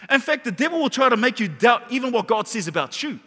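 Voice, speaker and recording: A middle-aged man preaching a sermon as pastor, emphatic, repeating words and dropping into soft whispers. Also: very high voice, big pitch swings, fast, husky. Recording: long hall reverb.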